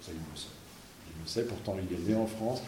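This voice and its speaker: A man's voice: deep voice, fairly quick, warm tone, echoey room, a little hiss or hum. A man, a parish priest, giving an informal talk to an audience, conversational and emphatic, full of fillers and restarts.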